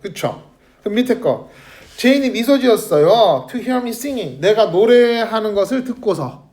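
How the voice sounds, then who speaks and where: A man's voice: high-pitched, unhurried. A man teaching an English grammar lesson to a middle school class, constantly quizzing his students and calling on them by name. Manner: lively, questioning students constantly. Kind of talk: classroom lecture.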